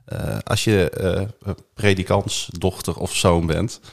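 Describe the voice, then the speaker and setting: Brief: man, lowish voice, calm interviewer who asks probing questions. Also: slow pace, gravelly. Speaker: host. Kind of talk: casual podcast conversation.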